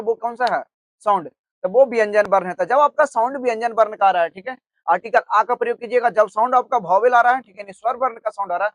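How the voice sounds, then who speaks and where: A man teaching an online grammar lesson who keeps asking his own questions and answering them, spelling words out slowly as he writes. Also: extremely high pitch, a bit bright, no echo. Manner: repeats "theek hai" often, asks and answers his own questions; spells words out slowly while writing on the board.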